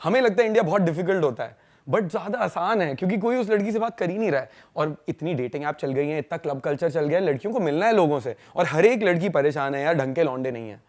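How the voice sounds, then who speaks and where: A young man from India, a podcast guest, telling stories in a fast, slangy, casual way and laughing along. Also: on the high side, animated, a little mellow. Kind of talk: casual storytelling chat.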